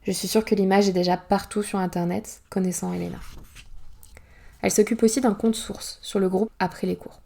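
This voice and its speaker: A woman author reading her own novel aloud in first-person narration, calm and even. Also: medium pitch, fairly quick, vocal fry.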